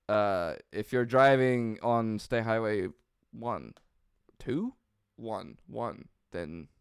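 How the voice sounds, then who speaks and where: Young man with a smooth, rambling voice. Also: medium pitch, no echo, clean studio sound. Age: young adult. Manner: rambling, self-mocking, laughs often. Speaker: podcast co-host. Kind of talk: casual chat.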